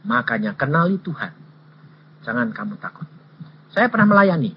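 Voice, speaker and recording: A male evangelist preaching a sermon, telling stories and acting out dialogue in an animated way. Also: high voice, normal speed, gravelly, husky. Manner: animated, acts out dialogue, raises voice. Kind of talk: sermon with personal storytelling. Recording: dull lo-fi recording.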